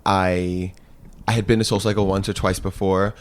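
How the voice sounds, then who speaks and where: Deep-voiced candid man on a podcast. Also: level tone, moderate pace. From Brooklyn, Park Slope. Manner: candid, laughs often, many filler likes. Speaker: fitness instructor guest. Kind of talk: casual podcast chat.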